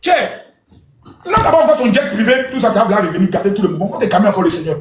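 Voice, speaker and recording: Animated high-voiced man. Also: rapid-fire, echoey room, a little hiss or hum. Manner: animated, shouting, mocking, acts out voices. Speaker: live streamer. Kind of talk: mocking live-stream monologue.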